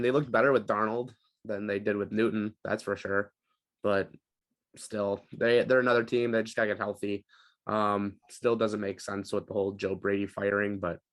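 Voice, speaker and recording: A man's voice: fairly low pitch, fairly bright tone. A young man co-hosting a podcast, chatting casually about sports with frequent ums and easy laughs. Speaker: podcast co-host.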